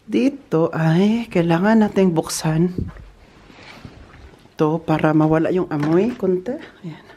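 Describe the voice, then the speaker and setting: A man from the Philippines vlogs while working at a hotel, his voice fairly high, mellow and measured, with a little hiss or hum. Recorded indoors on a handheld phone with roomy echo, his casual, chatty vlog is gossipy and giggly, full of laughter.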